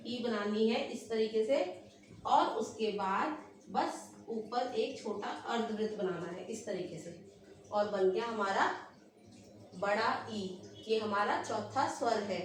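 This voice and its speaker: A woman teacher giving an online lesson to small children, explaining slowly and step by step and stressing sounds when she demonstrates them. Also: a little high. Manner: slow, careful, explains step by step. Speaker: nursery Hindi teacher. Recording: echoey room, recorded from a distance, with noise.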